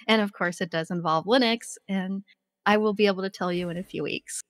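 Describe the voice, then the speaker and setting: A woman's voice: mid-range voice, a little fast, long reverb tail. A woman co-hosting a casual podcast, upbeat and giggly as she chats. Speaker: podcast co-host. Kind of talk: casual chat.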